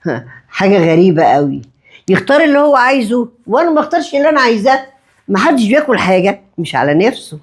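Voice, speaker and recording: A woman playing a blunt, defiant Egyptian mother-in-law in a web drama skit. Her husky voice sits fairly high and fires off retorts at a rapid clip. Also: sing-song. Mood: sharp. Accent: Egyptian Arabic. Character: stubborn sharp-tongued middle-aged mother-in-law.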